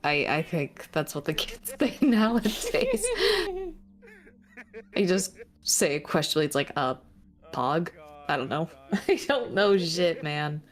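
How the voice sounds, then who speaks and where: Female call guest, low register, casual and a bit apologetic. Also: sing-song, takes it slowly. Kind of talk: casual chat.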